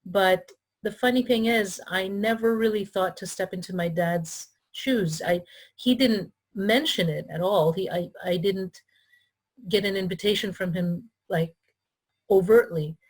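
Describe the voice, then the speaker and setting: A middle-aged woman from the Philippines who grew up in Canada chats as an interview guest, often restarting and laughing lightly. Her voice is medium-pitched and the recording is rough.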